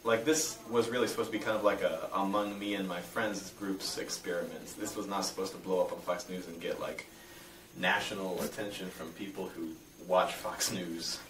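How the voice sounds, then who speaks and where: A man's voice: low-pitched, steady tone, moderate pace, fairly bright tone. A young adult man being interviewed, explaining things casually in a hesitant, rambling way. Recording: echoey room, distant mic, faint noise.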